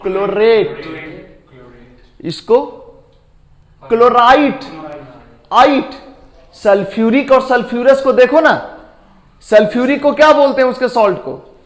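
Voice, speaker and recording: A male chemistry teacher with a high voice, speaking at an unhurried pace. He works through each point step by step, throws questions at his students and thinks aloud while recalling names. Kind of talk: classroom lecture.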